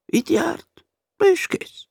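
A man voicing a brash, cheerful adventurer who swoops up loud and high in a dry recording. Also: no echo, lightly acted. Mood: boisterous. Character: brash cheerful male sailor-adventurer, boisterous.

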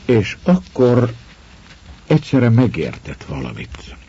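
A man reading a story aloud in a slow, measured, quiet way. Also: mid-range voice, wildly swooping pitch, a little hiss or hum. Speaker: narrator. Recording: dull lo-fi recording.

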